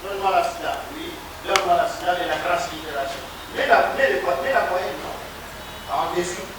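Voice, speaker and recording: Lecturer repeating himself in an echoey classroom. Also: male voice, sits high, moderate pace. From Democratic Republic of the Congo. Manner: repetitive, coaxing, quizzes students. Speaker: Hebrew lecturer. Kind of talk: classroom teaching. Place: university classroom. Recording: echoey noisy classroom from far off.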